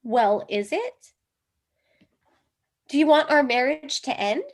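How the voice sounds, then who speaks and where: Wife in a comic play reading, dream-analysis zealot, high and lively, emphatic; a woman plays her. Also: takes it slowly, full character voice. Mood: agitated. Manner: emphatic, theatrical delivery.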